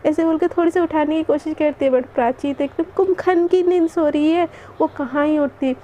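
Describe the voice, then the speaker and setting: Young woman storyteller, high voice, mellow tone, chatty, rambling. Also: moderate pace, a little hiss or hum. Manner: chatty, rambling, filler-laden narration. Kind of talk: casual spoken storytelling.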